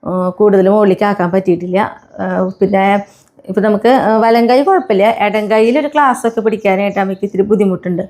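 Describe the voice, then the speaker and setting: Fast-talking, chatty Malayali woman vlogger. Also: medium pitch. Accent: Kerala Malayalam. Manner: chatty, frequent "kēṭṭō" asides to viewers; soft baby-talk when addressing her pets. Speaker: family vlogger. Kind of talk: casual vlog talk to camera.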